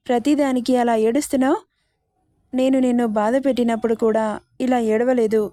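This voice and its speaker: A woman's voice: on the high side, warm tone, dry recording, studio quality, close to an everyday voice. A woman voicing a loving young husband who pleads tenderly with his wife in a storybook reading.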